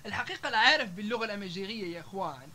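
A man with a Libyan Arabic accent lectures a live audience at a rapid clip in a high, bright voice. He strings example words together one after another, broken by drawn-out "aah" fillers, with faint room noise behind him. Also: lively intonation.

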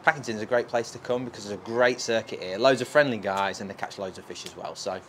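A man's voice: on the low side, quick pace, fairly bright tone. Chatty man vlogging at a lake. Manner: chatty, enthusiastic, addresses viewers directly. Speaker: fishing vlogger. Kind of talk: casual vlog presenting. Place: outdoors at a fishing lake. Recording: outdoor recording with clear background noise.

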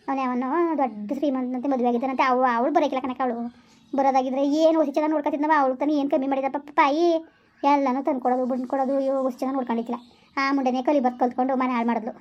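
A woman's voice: sits high, fairly even intonation, racing, a little mellow, highs cut off, lightly acted. A woman doing a gossipy village woman. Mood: scornful. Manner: sighing, lamenting, gossipy. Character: gossiping middle-aged village woman, sharp-tongued.

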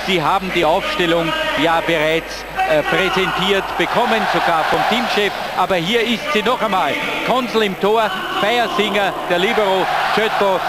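Middle aged guy doing prematch football commentary, raised high voice, really noisy stadium. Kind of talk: live pre-match commentary. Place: commentary position in a packed open stadium. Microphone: headset. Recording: loud stadium crowd and noise.

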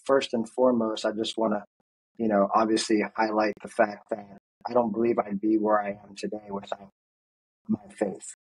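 A man's voice: lowish voice, little pitch movement, moderate pace, breathy edge, rough recording. A man in his thirties, a fitness coach, telling his life story earnestly over a video call with headphones. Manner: earnest, reflective storytelling with frequent fillers. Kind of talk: casual interview. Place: home office, indoors.

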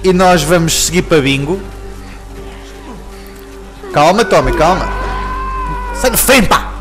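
A man with a European Portuguese accent commentating a video game, excitable and full of slangy exclamations. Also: on the high side, takes it slowly. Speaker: gaming commentator. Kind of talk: let's play commentary. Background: game music and sound.

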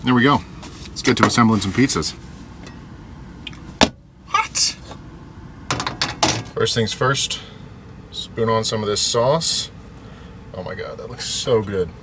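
A young man vlogging as he cooks in a small camper van kitchen, relaxed and chatty. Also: fairly low pitch, slow, long pauses. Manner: relaxed, chatty, talks while cooking. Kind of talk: casual cooking vlog. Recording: noisy camper van recording.

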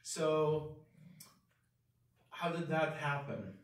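A man's voice: fairly high pitch, expressive, extremely slow. A man in his fifties, raised in Kuwait, giving a candid, self-deprecating personal testimony at a chapel pulpit. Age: 50s. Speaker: devotional speaker. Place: large chapel, speaking at a wooden pulpit. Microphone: far camera phone in the congregation. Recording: very echoey hall, voice from far off.

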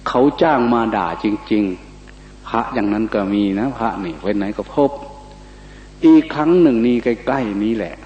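Older monk, dark mellow voice, lively storyteller, dull echoey hall recording. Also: male voice, lowish voice, unhurried, slight background noise. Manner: animated storyteller, acts out quoted voices, slips into Isan dialect. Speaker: Buddhist monk giving a dharma talk. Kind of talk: storytelling sermon.

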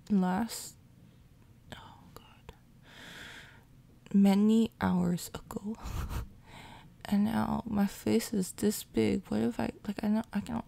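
An ASMR roleplay performer, a woman recovering from jaw surgery, chats casually in a soft, breathy half-whisper, rambling and repeating words in quick runs. The audio is low quality, with steady machine noise in the background.

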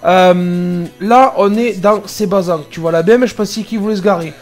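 A man's voice: high-pitched, fairly even intonation, normal speed, faint music behind. A man, a truck driver, commenting casually and sarcastically on dashcam clips, exasperated at other drivers.

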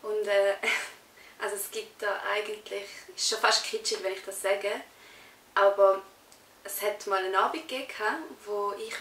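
A young adult woman from Switzerland, working as an actress, answers an interview casually in a medium-pitched, slightly bright voice with a Swiss German accent. She's on a sofa in a small room; the sound has roomy echo, faint hiss and a distant mic.

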